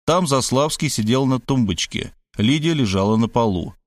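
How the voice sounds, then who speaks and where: A man narrating a first-person story as an audiobook in a steady, matter-of-fact manner. His voice sits at an ordinary middle pitch, recorded close and dry. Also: moderate pace, dry recording.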